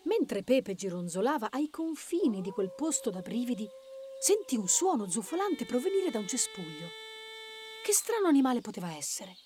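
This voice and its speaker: A woman reading a children's story aloud in a lively, expressive way, doing the characters' voices. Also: fairly high pitch, normal speed, slight background noise.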